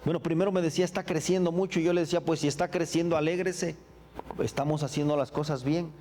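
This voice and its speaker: A middle-aged man, a pastor, sharing his personal testimony in a sermon with earnest, reflective storytelling and halting, repeated words. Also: fairly high pitch, steady tone, dark tone, a little hiss or hum.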